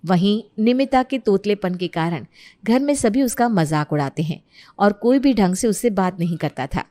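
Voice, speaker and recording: A woman's voice: medium pitch, expressive, normal speed, dark tone. A woman narrating a family story in a storybook style.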